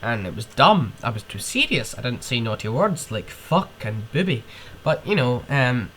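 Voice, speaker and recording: This young man hosts a solo podcast while sick with a cold, ranting in rambling, casual talk marked by sniffs and swearing. His medium-pitched voice swings widely in pitch at a normal speed, sounds a bit bright, and carries a little hiss or hum.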